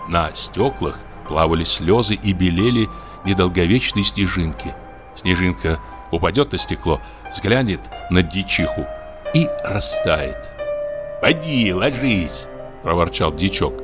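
A man with a very deep voice narrates a literary story for an audiobook. His delivery rises and falls with lively expression. Soft music plays faintly beneath.

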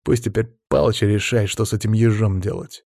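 A man's voice: on the low side, fairly even intonation, moderate pace, darkish tone, no room sound, clean studio sound, natural voice. A male reader voicing an arrogant, touchy young necromancer in an audiobook, speaking in a haughty, snapping way.

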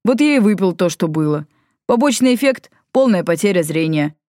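A woman's voice: on the low side, expressive, fairly quick, warm tone, dry recording, close to an everyday voice. A woman voicing Valifor, a red-haired male demon with a dry, teasing manner. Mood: wry.

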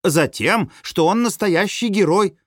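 A man voicing an eager young woman reporter who calls out in bright exclamations. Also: high voice, animated, a little slow, dry recording, clean studio sound, pitched above the performer's own voice.

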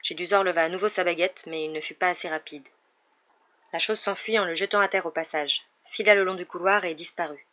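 A woman reading a chapter of a novel aloud in a steady, even storytelling voice. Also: on the low side, brisk, highs cut off. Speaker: audiobook reader.

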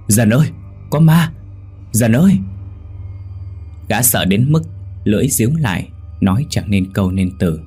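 A male storyteller reads a scripted ghost story in a very deep, husky voice. His delivery is measured and suspenseful. Soft music plays faintly behind him. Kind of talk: scripted horror story narration.

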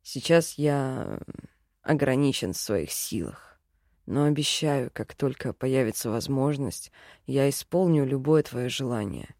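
Brief: gentle young male elf, deep and hushed, read by a woman narrator. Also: lively intonation, a little slow, no echo, studio quality, heavily acted. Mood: tender. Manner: soft, low and earnest. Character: tender, devoted male elf, young adult.

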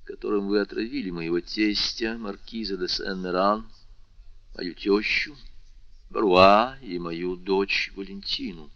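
Icy prosecutor, low slow measured delivery, bright hard edge, dry dull recording, man voicing. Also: steady tone, no echo. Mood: cold. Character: cold stern royal prosecutor, middle-aged man.

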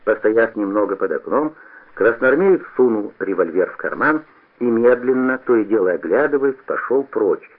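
A man reading a story aloud with expressive storytelling. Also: fairly low pitch, normal speed. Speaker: reader. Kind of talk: scripted narration. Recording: tinny old radio broadcast.

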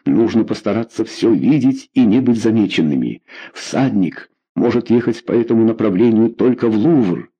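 A man's voice: on the low side, animated, moderate pace, mellow, husky. A man voicing a loyal captain of the guards in an audiobook, speaking plainly and steadily. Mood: cautious. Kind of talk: audiobook character voice.

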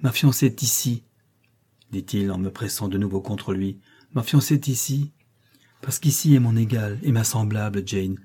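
A man reading the part of a brooding, passionate middle-aged gentleman in an audiobook, urgent and pleading. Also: fairly low pitch, normal speed, breathy edge.

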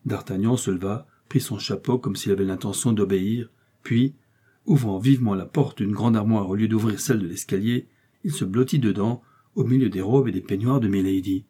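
A man narrating a classic novel in a measured, expressive reading. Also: lowish voice, husky. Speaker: audiobook narrator. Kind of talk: literary audiobook narration.

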